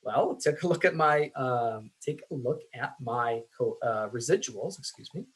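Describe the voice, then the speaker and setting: A man teaching statistics in a casual, self-deprecating way, with many fillers, his voice going hoarse. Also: mid-range voice, expressive, measured pace, low-quality recording. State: losing his voice. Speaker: statistics instructor. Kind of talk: screen-share lecture.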